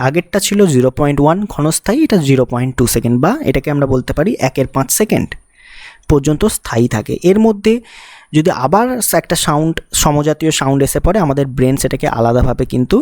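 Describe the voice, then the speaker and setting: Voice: medium pitch, darkish tone, no room sound, clean studio sound. A physics teacher gives an exam-prep lesson. The teacher explains step by step, mixes English technical terms into the talk and asks the student rhetorical questions.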